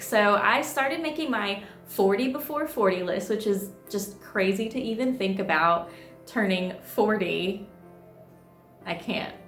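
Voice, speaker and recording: Bright-toned and mid-range, this thirty-year-old woman from the United States vlogs in a chatty, bubbly, upbeat way. It's casual vlog talk, recorded in an echoey room where faint music plays.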